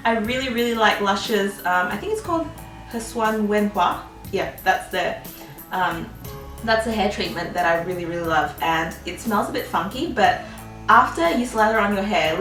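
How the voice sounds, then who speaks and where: A bubbly, giggly Australian woman in her twenties, a vlogger, chats through a casual Q&A, peppering her speech with plenty of "um"s and "like"s. Her voice is medium-pitched and a little bright, with a roomy sound from a distant recording.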